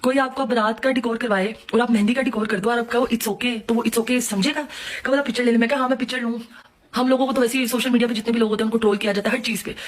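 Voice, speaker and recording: A young woman with a Pakistani Urdu accent telling a story in a casual vlog, animated and quick, acting out what each person said. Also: a little high. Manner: fast, animated retelling with acted-out quotes. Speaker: vlogger.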